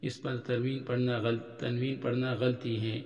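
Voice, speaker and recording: A man's voice: mid-range voice, flat delivery, unhurried, darkish tone, highs cut off. A man teaching an Arabic lesson, patiently explaining each point and drawing out the example words. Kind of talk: recorded religious-school lesson. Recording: roomy hall echo.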